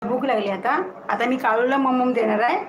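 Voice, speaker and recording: A woman's voice: on the high side, steady tone, brisk. A woman chatting at home in a casual vlog, coaxing and scolding her pets. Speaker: home vlogger. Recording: echoey room with loud background noise.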